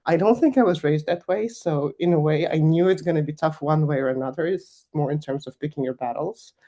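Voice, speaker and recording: Low-pitched, fairly quick and dark in tone, this young adult woman from Kazakhstan speaks as a guest finance executive. She responds to interview questions in a frank, emphatic manner, with frequent laughter.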